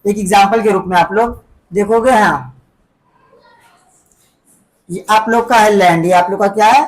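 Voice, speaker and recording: A woman's voice: medium pitch, moderate pace. A woman teaching a school class, explaining step by step and constantly asking pupils to repeat key words back, tagging her sentences with little check-ins. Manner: keeps quizzing the class with repeat-back questions; tags sentences with "है ना" and "ठीक है बेटा". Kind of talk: classroom lesson.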